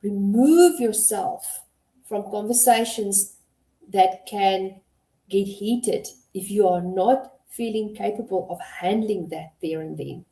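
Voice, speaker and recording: A middle-aged woman hosting a motivational talk on communication, speaking in a measured, deliberate way and stressing key words. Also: medium pitch, warm tone. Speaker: host and communication coach. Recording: echoey room.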